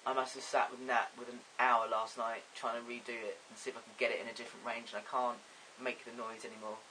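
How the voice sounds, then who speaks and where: A man talks to camera in a loose, rambling vlog, amused at himself and full of ums. His voice is bright and forceful, with a little hiss in the background. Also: medium pitch, level tone, fast, rough recording. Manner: chatty, rambling, self-amused, frequent ums. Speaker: vlogger.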